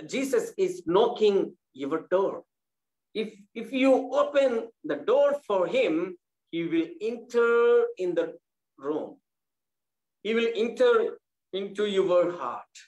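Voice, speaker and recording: A male pastor preaching a sermon, repeating his phrases and restarting with halting pauses. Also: sits high, low-quality recording.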